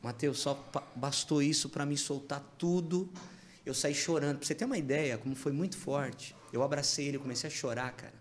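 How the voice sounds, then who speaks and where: Brazilian pastor telling an animated testimony. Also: male voice, fairly high pitch, fairly quick, slight background noise. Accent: Brazilian Portuguese. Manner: animated, emotional storytelling with reenacted dialogue. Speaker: pastor, podcast guest. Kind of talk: personal testimony storytelling.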